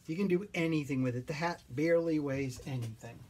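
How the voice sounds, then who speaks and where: A clown giving an informal, playful and theatrical demonstration in a silly, whimsical, rambling way, with a husky voice and repeated phrases. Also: medium pitch, a little fast, a little mellow. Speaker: clown teaching wig and costume styling.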